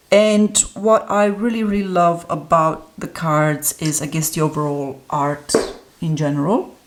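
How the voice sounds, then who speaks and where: A relaxed, chatty woman with a slightly low-pitched voice, reviewing a card deck for her channel. She talks in a loose, easygoing way, filling pauses with ums and small laughs. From Australia. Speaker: tarot reader and deck reviewer. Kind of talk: casual solo review talk.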